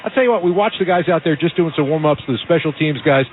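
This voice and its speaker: A man's voice: on the high side, fast talker, soft background music. A man hosting a radio sports broadcast as play-by-play announcer, polished and upbeat. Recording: phone-like band-limited radio audio.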